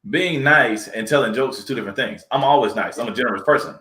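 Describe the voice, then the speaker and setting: Male comedic actor, interview guest; relaxed, anecdotal, echo in the room. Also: medium pitch, fast. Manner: relaxed storyteller, acts out quoted people. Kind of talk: casual interview chat. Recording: roomy echo.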